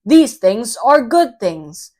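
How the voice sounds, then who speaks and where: A woman's voice: on the high side, very animated, slow, a little mellow, exaggerated voice. A woman voicing a mischievous, boastful male cat in a children's storybook, cheerful and showy as he declaims in rhyme. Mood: reassuring.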